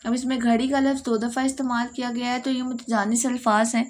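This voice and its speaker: A woman's voice: a little high, flat delivery, a little mellow. A woman with a Pakistani Urdu accent teaching a lesson, explaining step by step and repeating key points.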